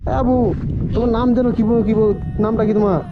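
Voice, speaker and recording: A man hosting a vlog, chatting outdoors by the road from his bike, coaxing gently and repeating himself. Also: very high-pitched, steady tone, fast talker. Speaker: vlog host. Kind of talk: casual roadside chat. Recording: dull lo-fi audio with music behind.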